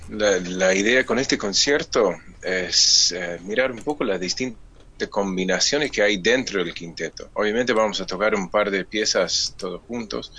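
A man, a musician guest on a radio interview, explaining things in a measured, thoughtful way. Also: on the low side, sharp tone, slightly rough.

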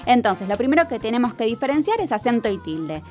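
Patient Argentine teacher woman, fairly high voice. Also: sing-song, fast talker, darkish tone. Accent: Argentine Spanish. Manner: patient, explaining step by step with frequent checks. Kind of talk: educational broadcast lesson. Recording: faint music behind.

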